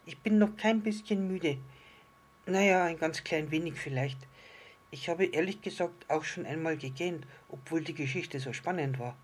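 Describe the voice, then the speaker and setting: A man voicing a curious, eager little star child in a storybook reading, full of excited questions. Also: fairly high pitch, normal speed, voice pushed up, close to an everyday voice. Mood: wondering.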